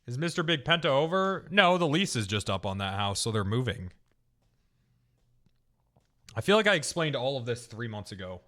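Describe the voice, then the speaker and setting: A man's voice: medium pitch, sing-song, normal speed, long pauses, bright, forceful tone. A man in his thirties, a streamer chatting casually and rambling through stories, swearing and laughing often. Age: 30s. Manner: profane, rambling storyteller who laughs often. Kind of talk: casual chat on a game stream.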